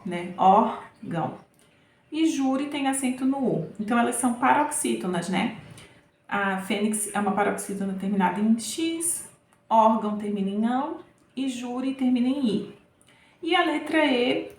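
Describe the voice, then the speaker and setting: A woman's voice: on the high side, moderate pace, roomy sound. A woman Portuguese teacher patiently working through grammar exercises, checking in often with short tag questions.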